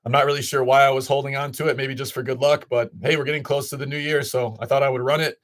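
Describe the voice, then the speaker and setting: An Illinois man speaks quickly in a mid-range voice with little pitch movement, casually hosting a live sports card break and naming viewers as he greets them. His voice seems a little off. The sound is studio quality, with no room sound.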